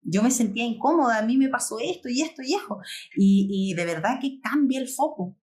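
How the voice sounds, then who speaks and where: A woman's voice: on the high side, expressive, fairly quick, darkish tone. A Chilean woman who is a healing specialist, explaining parenting earnestly in a live stream conversation and acting out quoted parents. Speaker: inner child healing specialist.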